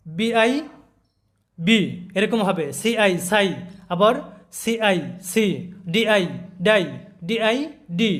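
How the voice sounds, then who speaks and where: A man teaching English letter sounds, drilling each letter pair one by one. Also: high-pitched. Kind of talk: slow phonics lesson.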